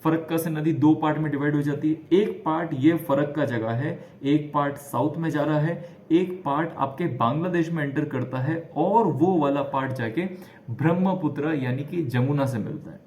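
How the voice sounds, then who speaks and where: Animated man teaching in an echoey room. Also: on the high side, moderate pace. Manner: lively, repeats key names, mixes English phrases into Hindi. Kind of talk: explaining a lesson over a diagram.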